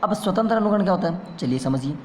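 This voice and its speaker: A man's voice: high voice, expressive, quick pace, slight background noise. A man teaching a classroom lesson, asking questions and answering them himself, heard in an echoey room a long reverb. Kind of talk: classroom lecture.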